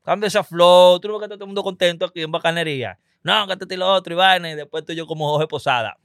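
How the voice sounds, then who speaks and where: A man's voice: fairly high pitch, rapid-fire, clean tone, no echo, studio quality. A man with a Dominican accent, a comedian guest on a podcast, talking animatedly and acting out people. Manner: animated, acts out characters. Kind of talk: casual podcast chat.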